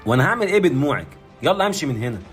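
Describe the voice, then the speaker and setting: A woman doing a gruff impatient attendant. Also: extremely low pitch, very animated, rapid-fire, over music, pitched below the performer's own voice. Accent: Egyptian Arabic. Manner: curt, dismissive.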